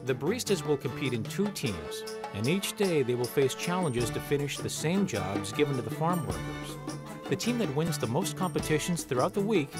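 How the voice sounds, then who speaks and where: A man's voice: fairly high pitch, very animated, moderate pace. A man reading scripted documentary narration as the narrator. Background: guitar music.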